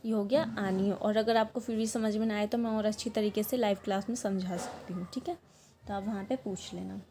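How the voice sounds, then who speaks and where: A young woman teaching a language lesson, explaining words step by step, patiently repeating them slowly and checking in often. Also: mid-range voice, steady tone, warm tone, a little hiss or hum. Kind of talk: online language lesson, writing on a board.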